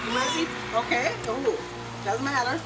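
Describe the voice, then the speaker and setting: A woman's voice: high voice, moderate pace, over loud music. A woman chatting casually with young children, coaxing and instructing them through party games with plenty of endearments. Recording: noisy home video with loud ambient noise.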